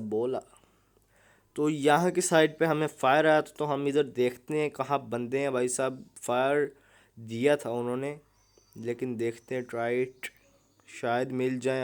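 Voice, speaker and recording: A man's voice: medium pitch, a little mellow, clean tone. A young man, giving casual, joking commentary over mobile gameplay. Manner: joking, chatty, keeps saying "bhai sahab". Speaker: gaming YouTuber.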